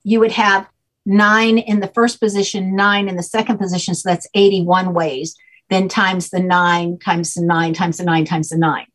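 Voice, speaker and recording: An older woman with a husky, slightly breathy voice talks a guest through her ideas over a video call. She sounds patient and teacherly, building points step by step and pausing to check with "okay?". Her pitch sits in an ordinary middle range. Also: flat delivery, poor audio. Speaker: guest name expert. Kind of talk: explanatory interview talk. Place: home room, on a video call.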